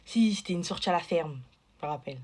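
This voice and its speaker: A woman's voice: lowish voice, animated, fast, background noise. A woman telling a casual story to camera, chatty and digressive, full of fillers and asides.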